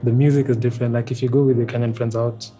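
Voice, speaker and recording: A man's voice: mid-range voice, little pitch movement, fast, over music. A man of twenty-two chatting as a guest, easygoing and laughing as he talks. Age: 20s. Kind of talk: casual chat.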